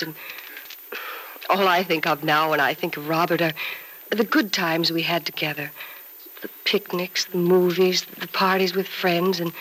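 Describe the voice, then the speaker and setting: An actress playing a gentle, bereaved young nurse in a 1940s radio soap opera, consoling in an earnest, wistful, measured way. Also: female voice, lowish voice, poor audio. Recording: old radio recording with faint noise.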